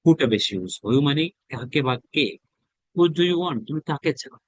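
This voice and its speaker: A man from Bangladesh teaching spoken English, reading English sentences slowly and then translating each into Bengali. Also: fairly high pitch, lively intonation, dry recording, rough recording.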